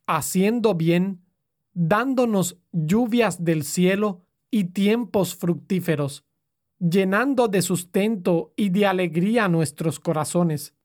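A woman reading aloud and voicing a male apostle who pleads earnestly with a crowd, in a slow, raised delivery. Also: on the low side, darkish tone.

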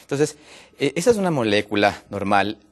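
A man from Ecuador, a guest on a health program, explaining a topic patiently with many pauses and fillers. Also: on the low side, very animated.

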